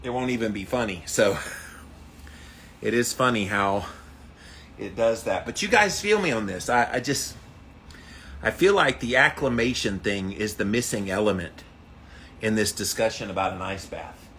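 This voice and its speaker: Male ice-bath vlogger, lower voice, in or just out of freezing water, folksy motivational chat to camera, background machinery noise. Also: moderate pace, long pauses, fairly bright tone. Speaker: vlogger doing a daily ice bath challenge. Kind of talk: casual motivational talk to camera. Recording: clear background noise, outdoor machinery sounds.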